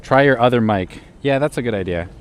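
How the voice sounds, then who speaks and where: A man's voice: mid-range voice, animated, a little fast, slight background noise. A man live-streaming outdoors in a city park on a wireless mic that keeps cutting out, so his volume jumps up and down while he chats with his viewers. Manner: chatty, talks straight to his viewers. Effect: audio cutting out, uneven volume. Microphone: wireless clip mic.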